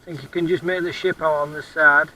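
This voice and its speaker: A man's voice: fairly high pitch, steady tone, fairly quick, pushed and bright, a little hiss or hum, poor audio. A man outdoors on a beach, chatting casually about his metal detecting finds in a musing, hesitant way, often repeating words.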